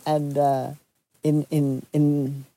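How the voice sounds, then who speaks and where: In a flat, mid-range delivery with no room sound, a retreat leader from Zambia gives a soft, reflective talk to a group. The speaker pauses frequently and restarts phrases.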